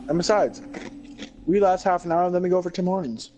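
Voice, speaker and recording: A man's voice: high-pitched, brisk, warm tone. A young man joking and teasing his friends in a casual gaming chat, swearing freely.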